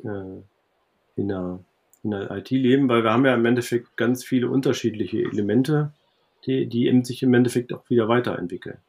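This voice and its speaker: A man talking as a podcast guest in a relaxed interview, thinking aloud with many fillers and restarts. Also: mid-range voice, fairly quick, husky. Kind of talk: conversational interview.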